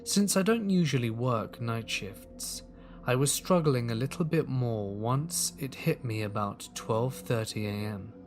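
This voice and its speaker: A man telling a first-person horror story in a calm, steady reading voice. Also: medium pitch, measured pace, soft background music. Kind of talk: scripted horror story narration.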